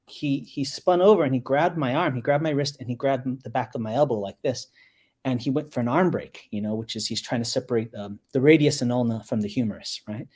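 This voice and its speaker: A man in his forties telling a story in a relaxed, talkative way, often repeating words as he goes. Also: medium pitch. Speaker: resident kung fu master. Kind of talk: casual storytelling on a live show.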